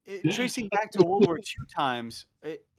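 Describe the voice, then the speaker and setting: Podcast guest, male, casual storyteller, lively and crude. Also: high voice, measured pace, crowd noise. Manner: animated, profane, laughing storyteller. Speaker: podcast guest recounting field exercise.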